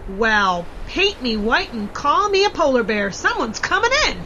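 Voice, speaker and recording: A woman's voice: on the high side, very animated, a little slow, sharp tone, slight background noise, full character voice, poor audio. A woman voicing a folksy, amazed checkpoint radio operator in a children's audio drama. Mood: surprised.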